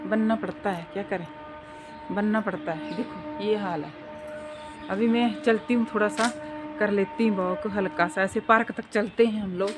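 A middle-aged woman chats into a handheld phone while she walks outdoors through a park, in the easy style of a casual vlog. She tells her stories with a lot of animation and keeps tagging her sentences to ask whether you agree. A faint outdoor hum sits behind her voice. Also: mid-range voice. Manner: chatty, keeps asking for agreement with tag questions; animated storyteller. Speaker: vlogger and mother. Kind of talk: casual walking vlog chat. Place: outdoor park on a foggy day.

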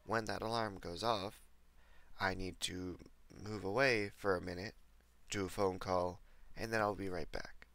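Gravelly young man streaming with a cold. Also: low-pitched, steady tone, measured pace, fairly bright tone, no echo. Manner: rambling, chatting to viewers. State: recovering from a cold. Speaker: livestreamer. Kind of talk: casual gameplay commentary.

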